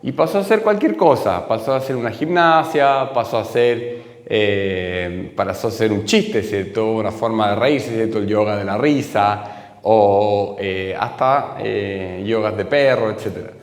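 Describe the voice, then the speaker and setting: A man's voice: on the low side, measured pace. A man explaining a lesson patiently, often checking in with his listeners. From Chile. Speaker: teacher. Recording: echoey hall.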